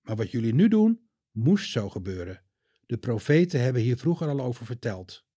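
A man voicing Jesus as a calm, gentle but firm adult man in a storybook reading. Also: mid-range voice, slightly rough. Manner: measured, gentle, sometimes stern.

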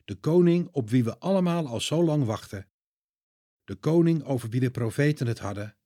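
A man voicing the disciple Peter, an impulsive and eager grown man, speaking loud and excited in a children's story reading. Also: medium pitch, normal speed, no echo, studio quality, natural voice. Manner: excited, raised voice.

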